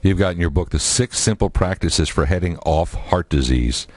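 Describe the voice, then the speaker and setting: A male talk radio host interviewing a guest, joking often with quick asides. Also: low-pitched, no echo. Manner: jokey, animated, quick asides.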